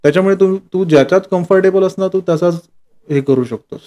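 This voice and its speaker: A man's voice: high-pitched, quick pace. A man who is a sculptor, chatting casually in a podcast interview and telling stories with quoted dialogue. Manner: relaxed storytelling with quoted dialogue. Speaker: sculptor guest.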